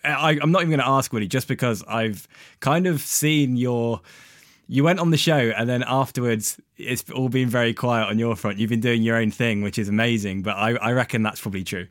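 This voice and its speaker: A man's voice: mid-range voice, brisk, dry recording, studio quality. A man hosting a podcast in a casual, chatty style. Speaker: podcast host.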